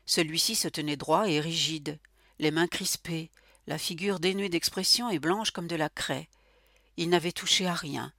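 A host narrating a scripted literary program and reading passages aloud in a measured, expressive way. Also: medium pitch, dry recording, studio quality.

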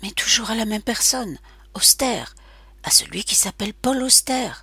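A woman reading an audiobook and voicing a mysterious, desperate phone caller of unclear sex, in a whispery, mechanical, even tone. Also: on the low side, normal speed, breathy edge, no echo, exaggerated voice. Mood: urgent whisper.

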